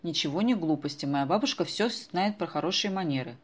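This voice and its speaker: A woman's voice: deep voice, lively intonation, fairly quick, slightly rough. A woman doing a sensible teenage girl. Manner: matter-of-fact.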